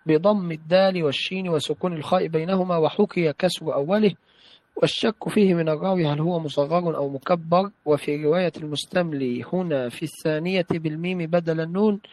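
A man with a high voice recites a classical text in a study session. He reads carefully and repeats phrases after a correction. The recording is dry, with no room sound. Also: brisk, darkish tone, dry recording, poor audio. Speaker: student reading a text aloud to a teacher.

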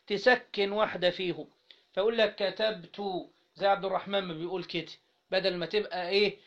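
A man with an Egyptian Arabic accent teaching Arabic grammar to a class, asking students questions again and again and spelling out syllables slowly. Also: sits high, fairly even intonation, a bit bright. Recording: dull lo-fi recording.

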